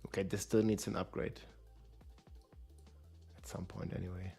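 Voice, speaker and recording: A man's voice: sits low, flat delivery, normal speed, gravelly, mellow, faint music behind. A man streaming a game, speaking into a livestream headset mic, thinking aloud and talking straight to his chat in a casual way. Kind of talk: casual livestream chat while planning builds.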